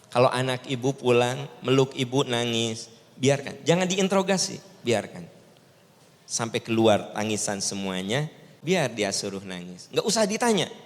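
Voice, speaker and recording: A man preaching a sermon with a Sundanese accent, lively, sometimes jumping into high mimicking voices. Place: large mosque hall. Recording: long reverb of mosque hall.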